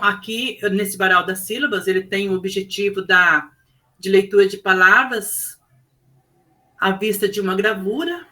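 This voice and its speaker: A woman's voice: mid-range voice, bright, forceful tone, low-quality recording. A woman teacher with a Brazilian Portuguese accent, presenting her classroom project in an explanatory way with frequent fillers.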